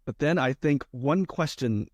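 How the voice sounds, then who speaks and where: A young man from China, a theater student guest on a podcast, telling his story in an earnest, halting way. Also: mid-range voice, lively intonation, darkish tone, no echo. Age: young adult. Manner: halting, many fillers and restarts, earnest. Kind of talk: casual podcast interview.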